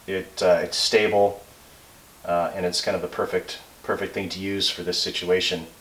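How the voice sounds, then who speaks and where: Low-voiced man explaining calculations, distant and echoey. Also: level tone, fairly bright tone, a little hiss or hum. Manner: halting, self-checking, thinking aloud. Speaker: instructor. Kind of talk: informal technical explanation, working through calculations aloud. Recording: roomy echo, distant microphone.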